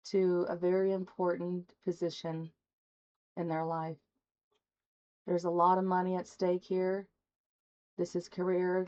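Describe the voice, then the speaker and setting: A woman's voice: fairly low pitch, a little mellow, dull audio. Folksy woman reading tarot. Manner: folksy, rambling, spiritual. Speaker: tarot reader. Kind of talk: casual spoken tarot reading.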